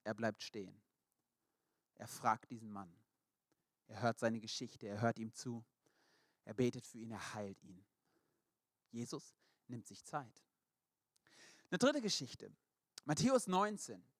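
A man preaching a sermon, retelling stories in a lively way and acting out the voices of the people in them. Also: mid-range voice, a little slow, long pauses, dry recording, clean studio sound.

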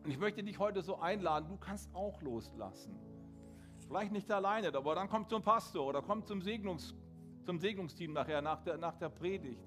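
A man preaching a sermon in German, retelling a story with animated, acted-out quotes before leading into prayer. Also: high-pitched, normal speed, over music. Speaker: pastor.

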